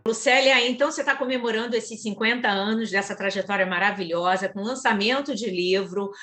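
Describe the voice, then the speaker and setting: A woman's voice: mid-range voice, a little fast, a bit bright. A Brazilian woman hosting a TV culture news programme, presenting and interviewing. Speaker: TV show host and interviewer. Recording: background music under the voice.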